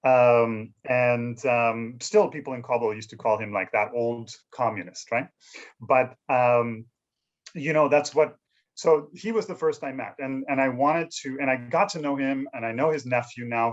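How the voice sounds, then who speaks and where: A man being interviewed as a filmmaker, talking in a relaxed, conversational way and often checking in with "you know" and "right?". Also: medium pitch, muffled recording. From Canada. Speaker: filmmaker guest.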